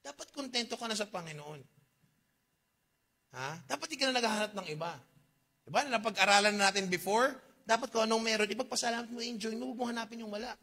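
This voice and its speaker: A man with a Filipino accent preaching a sermon, reading old-fashioned scripture slowly and asking his congregation questions. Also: high-pitched, sharp tone. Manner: mixes Tagalog and English, reads KJV verses slowly; asks the congregation questions, jokes. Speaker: pastor.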